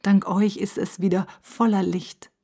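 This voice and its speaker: A woman voicing a small, earnest human boy in a storybook, speaking slowly and sincerely. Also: mid-range voice, flat delivery, mellow, breathy edge. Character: small human boy, shy then glad.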